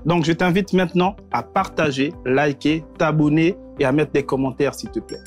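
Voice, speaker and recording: A man's voice: on the high side, normal speed, faint music behind. Joking man co-hosting a talk show. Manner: joking, teasing banter. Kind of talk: casual studio chat. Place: TV studio set.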